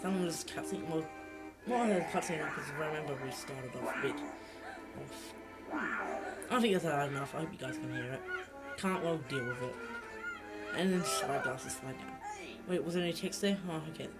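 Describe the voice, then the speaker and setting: A man's voice: on the high side, expressive, normal speed, long pauses. A young man with a blocked nose giving rambling, self-correcting let's play commentary into a laptop mic. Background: game music.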